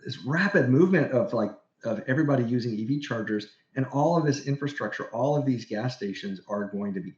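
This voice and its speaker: A man's voice: medium pitch, expressive, fairly quick, few pauses, a little mellow. A man guesting on a casual podcast interview, explaining with enthusiasm. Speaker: guest industry executive. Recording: roomy, dull podcast audio.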